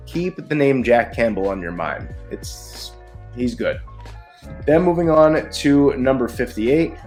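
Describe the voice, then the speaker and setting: Guy rattling off draft picks all hyped up, stumbles and restarts a lot, faint music under him. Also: mid-range voice. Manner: excited, rapid-fire picks with frequent restarts. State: short of breath. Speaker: sports video host. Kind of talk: casual mock draft commentary.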